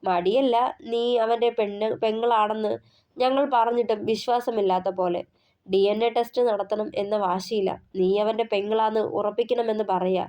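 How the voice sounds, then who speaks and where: A woman voicing a calm man who slowly consoles a crying young woman in an audio story. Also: medium pitch, muffled recording, natural voice. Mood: soothing. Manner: slow, soothing.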